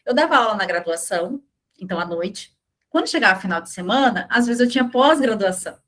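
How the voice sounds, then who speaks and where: A woman's voice: medium pitch, expressive, a little fast, fairly bright tone. A Brazilian woman hosting a radio interview, chatty and questioning, with fillers and tag questions. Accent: Brazilian Portuguese. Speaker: radio host. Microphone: studio radio microphone.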